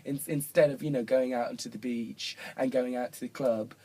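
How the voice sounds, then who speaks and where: A man's voice: steady tone, normal speed, mellow, breathy edge. A man hosting a casual comedic podcast, rambling and joking as he drifts between topics. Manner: rambling, jokey, drifts into falsetto bits. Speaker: podcast host.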